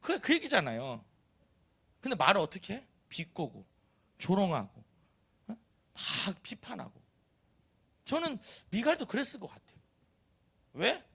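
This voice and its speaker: A man preaching a sermon in a church, animated and teasing, acting out quoted voices. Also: high-pitched, creaky, breathy edge. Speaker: pastor. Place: church sanctuary.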